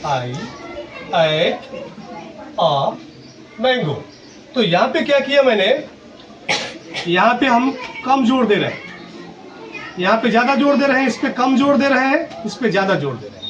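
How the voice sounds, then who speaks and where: A man's voice: extremely high pitch, muffled recording. Man teaching grammar in a noisy classroom. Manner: explains step by step, asks and answers his own questions, spells words letter by letter. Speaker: school English teacher. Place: school classroom. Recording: distant classroom recording with clear background noise.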